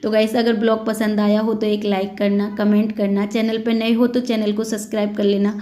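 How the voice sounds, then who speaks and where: Earnest woman vlogger, flat steady voice. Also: mid-range voice, brisk. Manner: earnest, plain-spoken, addresses viewers as "guys". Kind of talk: casual vlog talk to viewers.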